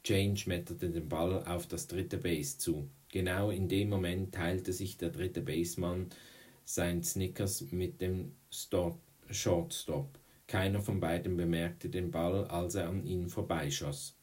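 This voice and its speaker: Deep-voiced man reading a storybook aloud. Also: fairly even intonation, slow pace, a little mellow. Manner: frequent slips and self-corrections. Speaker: reader. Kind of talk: reading a children's novel aloud.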